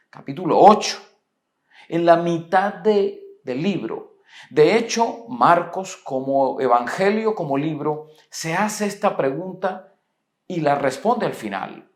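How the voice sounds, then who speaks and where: Un pastor colombiano predica un sermón con acento colombiano, con calma, haciendo preguntas retóricas y leyendo las Escrituras en voz alta. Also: male voice, on the high side. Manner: measured preaching with rhetorical questions, reads scripture aloud. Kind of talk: sermon. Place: church. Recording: echoey church hall.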